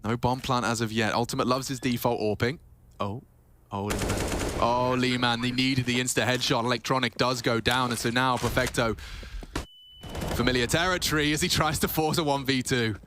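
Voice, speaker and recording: A man's voice: medium pitch, fairly even intonation, a little fast, noisy background. A man working as an esports caster, calling play-by-play in a dramatic, wordy style with colourful turns of phrase. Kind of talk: esports match commentary.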